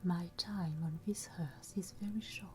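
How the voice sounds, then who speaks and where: A woman playing a solemn, compassionate ghost in a whispered ASMR storybook roleplay, grave and deliberate. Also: on the low side, steady tone, mellow, soft background music, close to an everyday voice. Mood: solemn, mournful. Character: solemn, compassionate female Ghost of Christmas Present.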